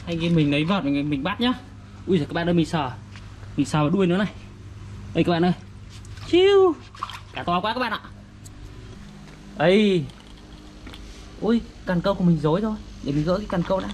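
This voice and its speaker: A man's voice: sits high, quick pace, long pauses, slight background noise. A man with a northern Vietnamese accent vlogging casually outdoors, talking simply and repetitively as if to a toddler. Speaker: vlogger for young children. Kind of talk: casual child-directed show-and-tell. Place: outdoors beside a garden fish pond.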